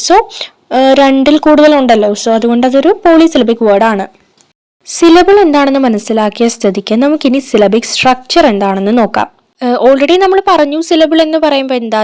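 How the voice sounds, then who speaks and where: Female teacher, fairly high voice, patient step-by-step explainer for a phonetics lesson. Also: darkish tone. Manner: explains step by step, mixing in English terms, syllables spelled out slowly. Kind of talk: recorded phonetics lecture.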